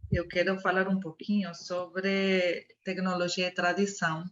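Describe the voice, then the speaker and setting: Her voice fairly low and little pitch movement, an Argentine woman in her fifties speaks unhurriedly in an online meeting, giving a thoughtful remark as she searches for words. The sound comes through a muffled video call.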